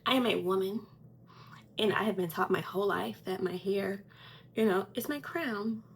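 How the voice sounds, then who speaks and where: A woman's voice: mid-range voice, normal speed, creaky, slight background noise. A woman in her forties talks candidly to her viewers while doing her makeup, fighting back tears. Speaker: beauty vlogger. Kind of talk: emotional get-ready-with-me talk.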